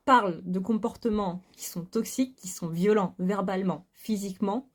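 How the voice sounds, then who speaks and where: With a vacuum cleaner going somewhere close by, a woman who makes spiritual content on YouTube chats candidly to camera from her home. She speaks at a medium pitch and a moderate pace, and her monologue is full of fillers and restarts.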